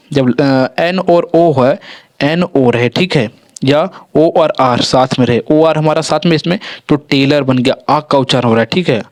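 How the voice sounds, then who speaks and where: A man's voice: a little high, no echo, studio quality. A man teaching English pronunciation rules in a lesson, repeating each rule and example and often checking in with the learners. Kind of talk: explanatory lesson.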